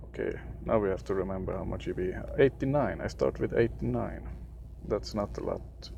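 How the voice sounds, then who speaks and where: With a fairly low, gravelly voice over a noisy background, a young man from Sweden makes gaming videos, commentating casually on gameplay. English is his third language, so his Swedish-accented speech is halting, and he frequently searches for words.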